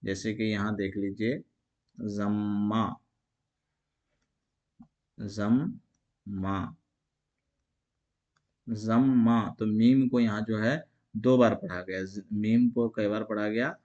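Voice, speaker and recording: A man's voice: fairly low pitch, fairly even intonation, normal speed, dark tone, highs cut off. A man teaching an exam-prep grammar lesson, asking each question aloud and answering it himself in a repetitive call-and-response way.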